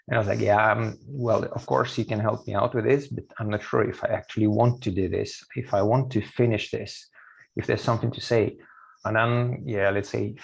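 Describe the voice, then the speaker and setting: A man in his late thirties speaking as a guest in a casual interview, halting, with many fillers and restarts. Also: on the low side, gravelly, low-quality recording. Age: late 30s. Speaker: guest musician.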